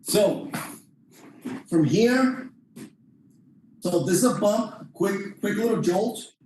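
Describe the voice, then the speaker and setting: Captured by a distant camera mic in a heavily echoing indoor gym with faint noise, this jiu-jitsu instructor has a high-pitched, expressive voice with a darkish tone. He speaks slowly, breaking down each move in a relaxed way as he demonstrates.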